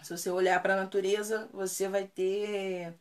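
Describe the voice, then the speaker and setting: Woman dog trainer on a live q&a, chatty and emphatic, mid-pitched voice, hammers her points home. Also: flat delivery, a little slow. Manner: emphatic, conversational, repeats key points for stress. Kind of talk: casual live Q&A answering viewer comments.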